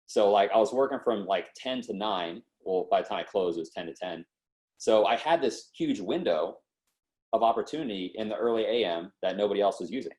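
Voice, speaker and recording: His voice sits on the low side and moves fairly quickly. He's a man in his twenties appearing on a podcast, spinning a lively, slang-heavy story and performing the quotes of people in it.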